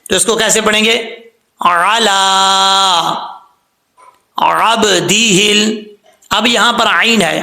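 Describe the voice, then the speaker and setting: A man with a high, bright, gravelly voice teaches Quran recitation with patient step-by-step explanations. He stretches words slowly and breaks into melodic chanting for the verses, and the room around him is echoey. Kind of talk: tajweed lesson.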